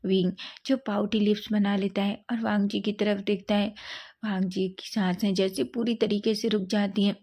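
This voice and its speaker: A woman narrating a romantic fan fiction story in a steady, even reading. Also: mid-range voice, moderate pace.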